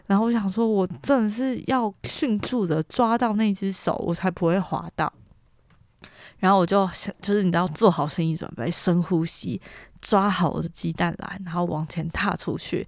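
A woman's voice: mid-range voice, a little mellow, no room sound, clean studio sound. A young woman from Taiwan hosting a podcast, telling a story in a chatty, casual way and stringing clauses together with fillers. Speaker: podcast host.

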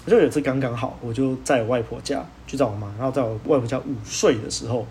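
A young man, hosting a podcast and telling a story in casual chat, animated and laughing as he goes. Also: mid-range voice, fast talker, slight background noise. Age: young adult. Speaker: podcast host.

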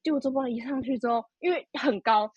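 A young woman, telling a story in casual podcast chat, animated and full of fillers. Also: sits high, fast talker, breathy edge, dry recording. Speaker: podcast co-host. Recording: dull lo-fi podcast audio.

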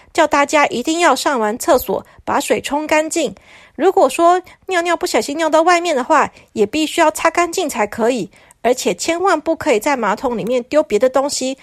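A woman's voice: high-pitched, dry recording, clean studio sound, pitched above the performer's own voice. A woman playing an anxious envoy in a children's storybook, pleading and eager to please.

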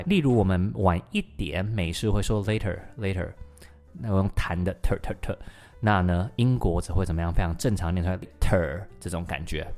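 A young man teaches an English-learning podcast lesson. He talks in a chatty, lively way, full of sentence-final particles, and says English words slowly and repeats them. Faint music plays under his voice. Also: deep voice. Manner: models English pronunciation slowly and in repetition.

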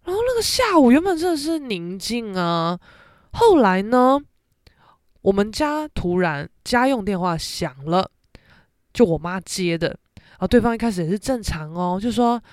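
Casual storytelling comes from a young podcast host with a Taiwanese Mandarin accent, who brings her relatives to life by acting out their voices. She talks at normal speed and medium pitch, recorded dry with clean studio sound.

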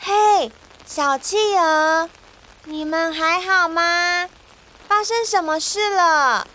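A woman voicing a kind, gentle young bear cub who calls out to others with care. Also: high voice, animated, drawn-out words, pitched above the performer's own voice, full character voice. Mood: worried kindly. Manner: caring, calling out gently.

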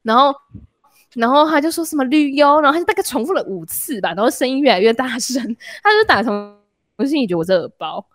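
A young woman hosts a casual podcast with a Taiwanese Mandarin accent, spinning an anecdote with fillers and laughter. Her voice sits high and leaps around with lively swings. The sound is dry and close. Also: quick pace, dry recording. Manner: animated, laughs mid-story, lots of fillers. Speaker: podcast host. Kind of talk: casual storytelling chat.

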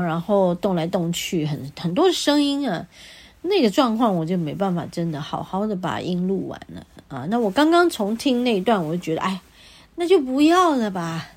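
A woman's voice: fairly low pitch, darkish tone. A middle-aged woman from Taiwan with a Taiwanese Mandarin accent, chatting casually on her own podcast, laughing often and acting out little dialogues. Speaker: podcast host and healer. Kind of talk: casual solo podcast chat. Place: home.

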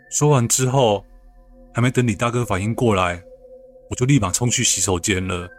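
A man calmly narrating a first-person ghost story. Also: fairly low pitch.

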